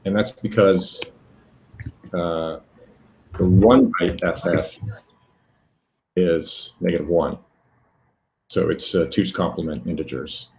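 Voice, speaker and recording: A man presenting a live technical demo, talking haltingly with many fillers and self-corrections. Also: sits low, darkish tone, slight background noise, low-quality recording.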